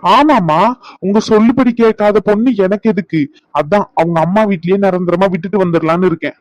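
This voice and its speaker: A man's voice: high-pitched, brisk, no room sound, close to an everyday voice, rough recording. A man voicing a young husband in a cartoon who insists firmly but coaxes affectionately. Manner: firm, coaxing, insistent.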